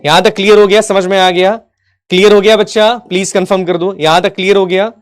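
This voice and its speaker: A man teaching history as a story in a casual, affectionate way. He acts out the figures' lines in quick asides and keeps asking his students whether they have understood. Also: sits high, level tone. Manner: keeps checking if students follow, affectionate, addresses them as kids.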